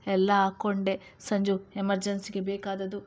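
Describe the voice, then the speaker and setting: A desperate young mother sobs out her fears , voiced by a woman narrator. Her lines come louder and a touch higher than the narration, yet the pitch stays within a narrow band. It sounds like a dramatized audio story. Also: monotone, normal speed, lightly acted. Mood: tearful. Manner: sobbing, pleading.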